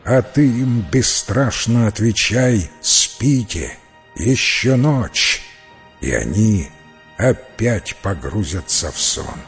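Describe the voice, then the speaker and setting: A man voicing a mysterious old man who guards a treasure cave and speaks slow, grave warnings. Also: fairly low pitch, animated, faint music behind.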